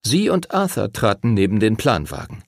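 A man reads a story aloud with expressive, lively intonation. His voice is gravelly and husky, and the sound is dry and close to the mic. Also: lowish voice, normal speed, no echo. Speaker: narrator. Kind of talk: audiobook narration.

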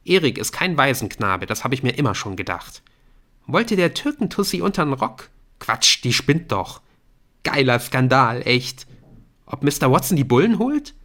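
A man voicing a gossiping teenage student who chatters excitedly. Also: mid-range voice, moderate pace, pitched above the performer's own voice. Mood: gossipy. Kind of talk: audiobook character voice.

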